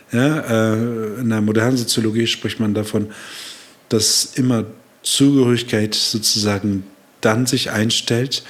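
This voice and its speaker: In an interview, a Turkish-born psychology professor in his sixties gives a long explanation, performing quoted exchanges and using plenty of fillers. His voice sits on the lower side.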